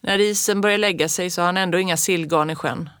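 A grumpy farmer father from a storybook speaks gruffly and a little louder than the rest, as the reader puts him on. He scolds and mocks. The recording is dry and close. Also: mid-range voice, fairly even intonation, no room sound, natural voice. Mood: gruff scolding.

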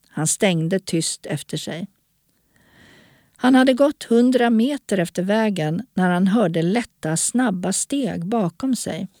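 Calm woman narrating a story. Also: fairly low pitch, no echo, studio quality. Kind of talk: audiobook narration.

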